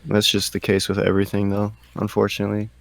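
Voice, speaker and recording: A man's voice: lowish voice, completely flat delivery, quick pace, creaky. A man hosting a podcast, asking questions in a laid-back, easygoing way. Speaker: podcast host. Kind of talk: casual interview.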